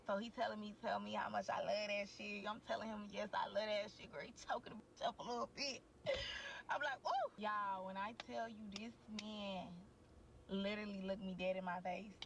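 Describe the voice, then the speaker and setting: A young woman on a podcast, telling a candid story in a crude, slangy, animated way and talking straight to the listeners. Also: mid-range voice, moderate pace, gravelly, noisy background. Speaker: podcast co-host. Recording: voice a bit distant from the mic.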